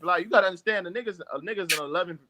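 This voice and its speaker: A man's voice: high-pitched, racing, crowd noise. A teenage boy, a guest in a casual sports debate, speaking hesitantly and trailing off. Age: teens.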